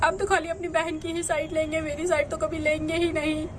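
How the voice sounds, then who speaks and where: A woman's voice: high voice, level tone, a little fast, crowd noise, noisy background, lightly acted. A woman voicing a touchy, quarrelsome young woman in a doll story, complaining and self-pitying. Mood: aggrieved. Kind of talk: doll story role-play.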